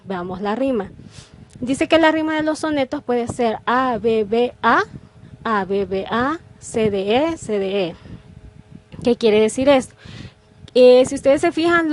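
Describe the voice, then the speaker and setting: A woman's voice: on the high side, a little mellow. A woman teacher explaining a school lesson, patient and careful, working through each example step by step over her slides.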